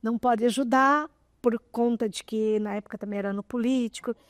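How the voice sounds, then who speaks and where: A woman in her sixties, a guest in an interview, telling a personal story in an animated way, often close to tears. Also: a little high, fairly quick, no room sound. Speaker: interview guest, association president.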